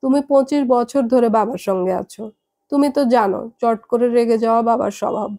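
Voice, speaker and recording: A woman voicing a calm young adult daughter who reasons patiently with her parents. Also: fairly high pitch, normal speed. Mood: patient, reasoning.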